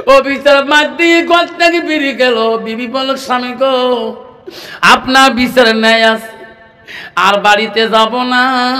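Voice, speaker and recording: High-voiced man chanting a sermon. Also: bright, forceful tone, big-room sound. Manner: chanting, tearful storytelling that acts out each figure. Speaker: preacher. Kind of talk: sung sermon storytelling.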